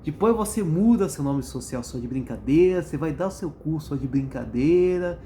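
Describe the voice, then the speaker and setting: A profane, blunt vlogger tells stories straight to camera in loose slang, with a voice pitched in the middle range. They laugh at their own anecdotes and mimic other people's voices when quoting them. A faint hum of room ambience sits underneath. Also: expressive, normal speed, warm tone. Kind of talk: casual rant to camera.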